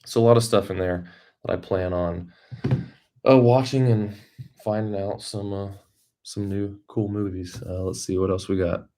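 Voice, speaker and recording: A man's voice: low voice, fairly even intonation, moderate pace, mellow. A man hosting a casual, unscripted livestream, rambling and thinking aloud as he talks to viewers. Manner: rambling, thinking aloud while reading the chat. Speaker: YouTube creator hosting a livestream.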